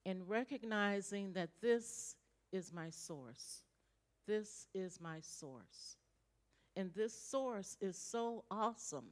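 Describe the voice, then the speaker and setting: A woman leading a slow, calm gratitude prayer in a church, repeating her thanks line by line. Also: mid-range voice, clear, resonant tone. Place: church sanctuary.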